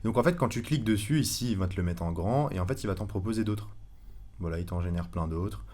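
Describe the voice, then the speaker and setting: Man, very low voice, casual screen tutorial, relaxed, frequent fillers. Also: fast talker. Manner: relaxed, chatty, many fillers and self-corrections. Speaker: online course instructor.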